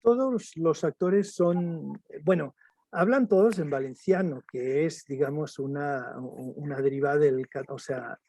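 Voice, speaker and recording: A man interviewing a film director, asking hesitant, halting questions. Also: a little high, mellow, dry recording. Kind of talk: conversational interview.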